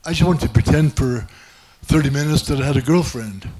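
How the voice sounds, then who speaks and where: A man's voice: fairly high pitch, a little fast, mellow. A man doing stand-up, telling a rambling self-mocking story with many restarts. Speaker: stand-up comedian. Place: comedy club stage.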